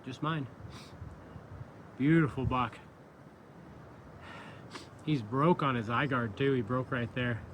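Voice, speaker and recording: A man filming himself outdoors in a river bottom, talking to his viewers in an excited, rambling way full of "I mean" and "like". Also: mid-range voice, normal speed, few pauses, slight background noise. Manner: excited, exclaiming, lots of fillers like "I mean" and "like". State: catching his breath. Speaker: shed hunter filming himself. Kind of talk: outdoor vlog narration. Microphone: camera mic.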